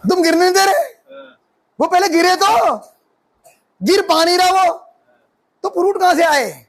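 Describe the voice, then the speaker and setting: Male pastor, very high voice, emphatic questioning sermon style. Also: a little slow. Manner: preaching with rising emphatic questions.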